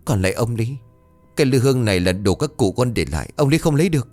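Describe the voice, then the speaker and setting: A man's voice: medium pitch, animated, fast talker, darkish tone, faint music behind, pitched above the performer's own voice, lightly acted. A man voicing a poor, desperate young peasant wife in a ghost story, begging through tears. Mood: pleading. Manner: tearful pleading.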